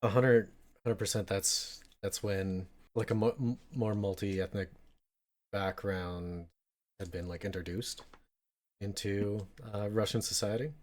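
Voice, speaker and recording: A man with a fairly low voice talks casually about a movie on a podcast. His talk is loose and rambling, full of "like" and "uh". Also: fairly even intonation, measured pace, darkish tone. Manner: loose and rambling, frequent fillers, bursts of laughter. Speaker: podcast co-host. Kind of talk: casual film discussion.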